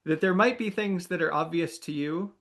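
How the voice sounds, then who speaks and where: Gravelly-voiced American man hosting a podcast. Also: a little high, moderate pace. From United States. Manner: gentle, affirming listener with frequent murmured agreement. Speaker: podcast host. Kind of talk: interview conversation.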